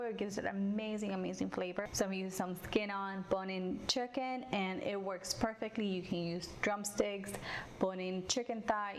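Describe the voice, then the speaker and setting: Woman cooking-show host from Cuba, conversational tutorial delivery, clear frying sizzle behind. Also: medium pitch, noisy background. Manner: friendly, chatty, addresses viewers directly. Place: home kitchen. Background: sizzling frying food.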